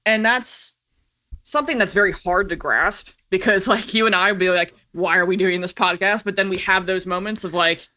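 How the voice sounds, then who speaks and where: A creative filmmaker appears as a podcast guest, her medium-pitched voice sharp in tone and her pace normal. She talks casually and candidly, telling informal stories and acting out bits of past conversations.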